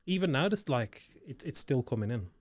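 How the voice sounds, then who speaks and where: A man's voice: mid-range voice, sing-song, fairly quick, breathy edge. Slangy London roadman in his twenties. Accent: London, urban street. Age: 20s. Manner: slangy street talk. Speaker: co-host of a chat show. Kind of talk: casual banter.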